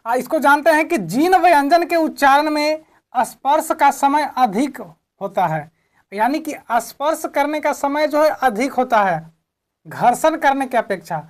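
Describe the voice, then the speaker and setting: Hindi teacher woman, slightly high voice. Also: expressive, measured pace. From India. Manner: asks rhetorical questions and answers them, repeats key terms. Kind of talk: classroom-style grammar lesson.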